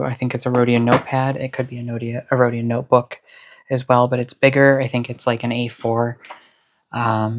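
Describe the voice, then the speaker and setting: A soothing, mid-range voice belongs to the host of a planner and stationery channel, chatting to camera in a cozy hobby vlog. The talk is chill, rambling, and encouraging, with a slight hiss or hum on the recording.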